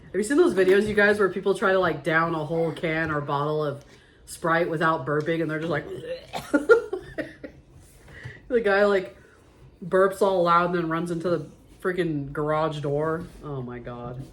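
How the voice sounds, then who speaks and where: A woman hosting a casual food review vlog, chatty and excitable, talking straight to her viewers. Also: low voice, normal speed. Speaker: vlog host.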